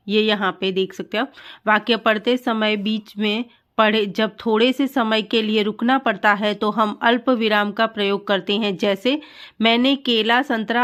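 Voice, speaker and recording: A woman teacher giving an online grammar lesson, reading example sentences slowly and explaining them step by step, with English grammar terms mixed in and quick apologies when she corrects herself. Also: on the high side, a bit bright.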